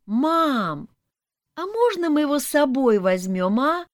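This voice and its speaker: A woman reading an audiobook voices squabbling little children, whiny, shrill and excited. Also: slow pace, dry recording, studio quality, full character voice.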